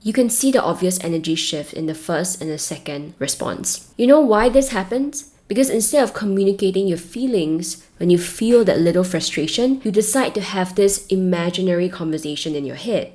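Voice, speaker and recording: A woman's voice: lowish voice, expressive, a little fast, hardly any pauses, dark tone. A woman with a Singaporean accent giving a scripted advice talk, addressing the listener directly and with emphasis. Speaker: relationship advice host.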